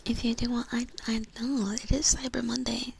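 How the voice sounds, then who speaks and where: A young woman streamer whispering in a chatty ASMR style, her voice a touch high and gravelly. She talks softly and casually to her viewers. There is clear noise behind her on the recording. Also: little pitch movement, normal speed. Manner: soft whispering, chatty, giggly. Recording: noisy whispered mic recording.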